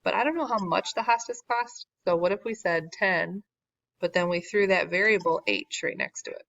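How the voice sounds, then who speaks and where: Here a female math teacher, her voice mid-range, gravelly and fairly bright, talks through a word problem at an ordinary pace during a recorded classroom lesson. She's losing her voice but stays relaxed, poking fun at herself with wry remarks. The audio is dull, lo-fi and completely dry.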